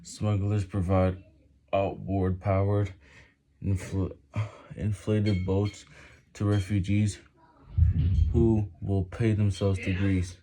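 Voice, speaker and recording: A man reading a written text aloud haltingly and with effort while doing push-ups, with some background noise. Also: low-pitched, level tone, warm tone, low-quality recording. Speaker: reader.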